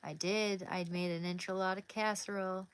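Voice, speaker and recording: Hosting a casual livestream, this woman from Oregon, USA, chats easily with viewers, reading their comments and answering them by name. Her mid-range voice is smooth, with fairly even intonation and a moderate pace.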